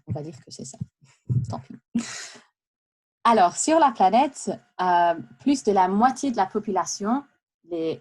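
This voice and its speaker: Chatty woman, low voice. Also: breathy edge. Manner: lively, chatty, with asides and laughs. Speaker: speaker giving a practice talk. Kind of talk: prepared speech for interpreting practice.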